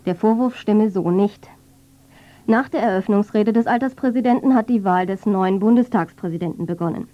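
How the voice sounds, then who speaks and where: A woman's voice: medium pitch, normal speed. A woman reading scripted radio news in a factual, neutral manner. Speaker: radio newsreader. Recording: dull, band-limited medium-wave radio.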